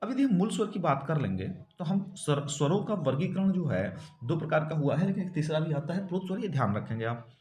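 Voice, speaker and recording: A man with a fairly high, animated voice leads an exam-prep grammar lesson. He walks through each point step by step, asking questions and then answering them himself. The sound carries a noticeable room echo. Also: brisk, a little hiss or hum. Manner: explains step by step, asks and answers his own questions. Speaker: teacher.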